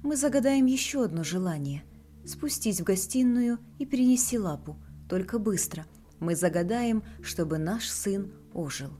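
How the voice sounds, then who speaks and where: Brief: woman narrator doing a grief-stricken old mother in an audiobook, hysterical outbursts, low dark voice. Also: a little slow, close to an everyday voice. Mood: frantic. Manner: cries out in wild, hysterical bursts. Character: grieving elderly mother, frantic and desperate.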